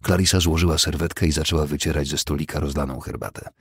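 A man reading a novel chapter aloud in measured, scripted narration, recorded dry and close. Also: extremely low pitch, steady tone, slightly rough, no echo. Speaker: audiobook reader. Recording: dry close studio sound.

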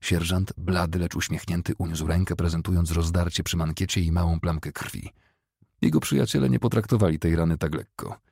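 A man narrating a novel as an audiobook, in a steady, measured storytelling manner. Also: deep voice, gravelly, dry recording, clean studio sound.

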